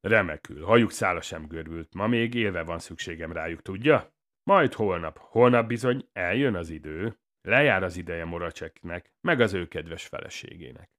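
A man's voice: sits low, lively intonation, fairly bright tone. A man voicing a cruel, mocking psychopathic gunman in an audiobook, with a taunting, theatrical manner. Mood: menacing. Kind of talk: audiobook character voice.

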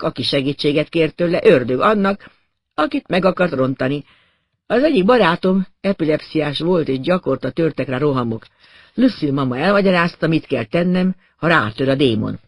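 A gruff, worn-out police inspector who grumbles his lines in a gravelly voice, as a male reader acts him out. He slips between barking orders and tired pleading. The sound is dry and close-miked. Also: a little high, no echo. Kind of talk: audiobook character voice.

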